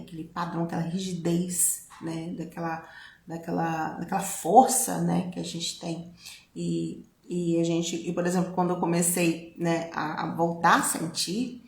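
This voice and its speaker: A woman with a Brazilian Portuguese accent speaks in a reflective, conversational way, often ending thoughts with tag questions. Her voice sits low and has a gravelly edge. The recording has a noticeably roomy echo. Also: a little hiss or hum. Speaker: speaker on self-knowledge. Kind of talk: reflective personal talk.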